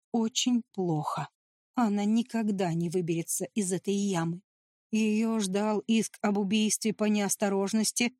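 A woman reading a tense adventure novel as an audiobook narrator, in steady storytelling. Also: mid-range voice, no echo, clean studio sound.

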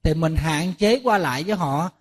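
A Buddhist monk gives a dharma talk, a sermon to a lay audience, in a fairly high voice at a moderate pace. He tells lively stories, acting out both sides of dialogues, and keeps addressing listeners with rhetorical questions.

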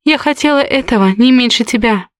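A woman's voice: on the high side, a little fast, no room sound, clean studio sound, pitched above the performer's own voice, natural voice. A woman voicing a bitter, hurt young heroine in an audiobook, speaking through clenched teeth. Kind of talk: audiobook reading.

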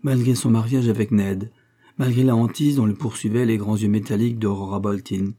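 A man reads a classic novel aloud at a steady, measured pace. His voice is low, husky and mellow. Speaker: audiobook narrator. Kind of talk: scripted narration.

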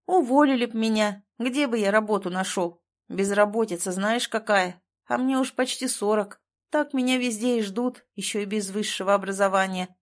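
A woman's voice: medium pitch, moderate pace, close to an everyday voice. A woman reading the lines of a cautious, defensive office worker nearing forty who grumbles and placates. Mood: grumbling.

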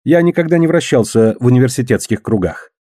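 A man's voice: medium pitch, animated, quick pace, mellow, dry recording, studio quality, natural voice. A man voicing a hot-tempered, opinionated doctor in an audiobook, in a heated, raised voice.

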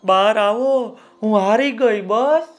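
A man voicing a small, boastful female ant in a children's story, with high squeaky calls. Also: takes it slowly. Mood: pleading.

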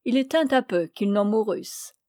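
A woman reading an old fairy tale aloud in a clear, measured storytelling manner. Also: a little high, lively intonation, a little mellow, dry recording, clean studio sound. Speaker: reader of fairy tales.

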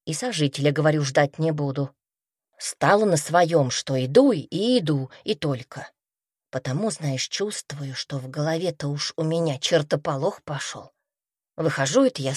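A low, husky woman tells a first-person folk tale in a chatty, colloquial way. She acts out the people she quotes. The recording is close and dry, with no room sound. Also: a little mellow, no echo. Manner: folksy, chatty storytelling, acting out quoted speech. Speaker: reader.

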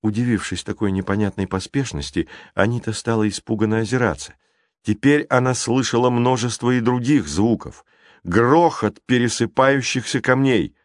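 A man reading an adventure audiobook in a measured, dramatic narration. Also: medium pitch, dry recording, clean studio sound. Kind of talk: scripted storybook narration.

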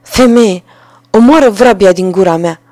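A woman's voice: mid-range voice, dry recording, close to an everyday voice. A woman voicing a ruined, angry peasant carter who wails over his losses in a storybook reading. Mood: lamenting. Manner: wailing laments, loud.

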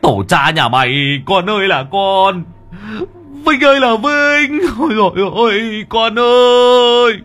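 A man voicing a panicked elderly father who shouts and wails for his son in an audio story. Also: high voice, sing-song, slow, faint music behind, voice pushed up, exaggerated voice. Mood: frantic. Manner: frantic wailing cries.

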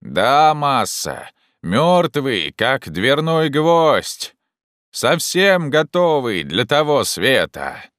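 A man voicing a slow, cautious male servant. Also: mid-range voice, big pitch swings, sharp tone, dry recording, studio quality, pitched above the performer's own voice, exaggerated voice. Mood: calling out.

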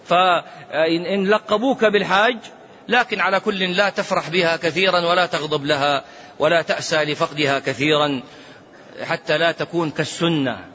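A man giving religious rulings in a lively lecture, swinging between raised and hushed tones and chanting recitations. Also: a little high, normal speed. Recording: dull lo-fi recording with faint noise.

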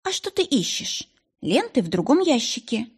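A woman reads as a young gentlewoman, tearful and pleading, her voice lifted high and swinging widely between notes. The tone has a faint huskiness. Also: big pitch swings, normal speed, slightly rough, full character voice. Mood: distressed. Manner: emotional, pleading.

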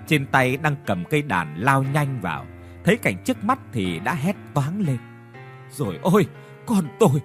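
A man narrating a horror story with dramatic delivery. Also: mid-range voice. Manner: dramatic, voices characters' cries.

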